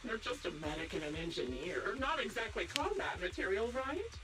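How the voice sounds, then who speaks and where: A woman's voice: medium pitch, very animated, normal speed, over music, natural voice. An actress playing a gloating, sadistic female game villain with a mock-sweet, theatrical, taunting delivery. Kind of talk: video game voice acting.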